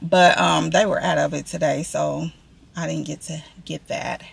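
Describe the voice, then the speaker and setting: A woman's voice: low voice, fairly even intonation, measured pace, creaky, husky. Chatty woman talking to camera in a car. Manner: chatty, rambling, addresses viewers as y'all. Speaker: vlogger. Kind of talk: casual vlog chat. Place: parked car, indoors. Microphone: camera on dashboard.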